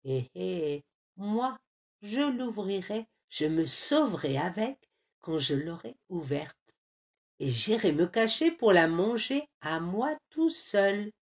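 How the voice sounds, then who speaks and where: A woman's voice: mid-range voice, big pitch swings, takes it slowly. A woman doing a sly scheming monkey. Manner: scheming, boastful. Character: sly selfish male monkey. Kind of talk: storybook reading.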